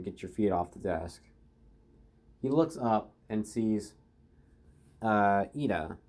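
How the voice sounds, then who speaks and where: Low-voiced rambling male storyteller. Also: a little mellow. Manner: rambling, full of fillers and restarts. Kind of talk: improvised fan story narration.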